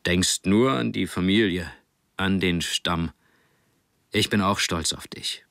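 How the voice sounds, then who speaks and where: A man voicing a proud middle-aged father in an audiobook, speaking slowly and fondly. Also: sits low, gravelly, a bit bright, dry recording, studio quality, full character voice. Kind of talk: audiobook character reading.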